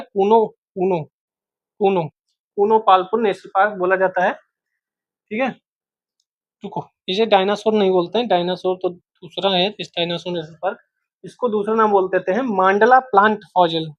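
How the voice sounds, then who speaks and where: A man with a high-pitched voice teaches an exam-prep geography lesson, repeating every name several times and quizzing the listener along the way. There's no echo; it's a dull, dry, lo-fi home recording.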